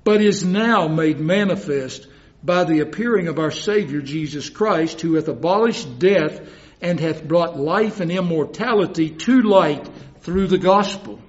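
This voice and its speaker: A man's voice: fairly high pitch, measured pace. A man preaching a sermon in an earnest way, repeating phrases for emphasis. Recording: dull lo-fi recording.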